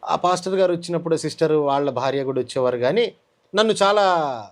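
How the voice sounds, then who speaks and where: A man's voice: on the high side, fairly quick. A man giving a personal testimony in an interview, telling his story earnestly and acting out the lines of the people in it. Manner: earnest storytelling, acts out quoted dialogue. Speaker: testimony guest.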